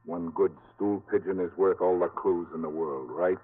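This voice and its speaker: An actor playing a seasoned, cautious lawman in 1950s radio drama, speaking in a deliberate, confiding way. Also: sits low, steady tone, breathy edge. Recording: vintage narrow-band radio.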